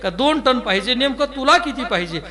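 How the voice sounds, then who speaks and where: A man's voice: extremely high pitch, animated, fairly quick, sharp tone, exaggerated voice. A male preacher voicing a patient, kindly god who grants boons and calls the devotee his child. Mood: indulgent. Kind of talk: acted quotes within a sermon.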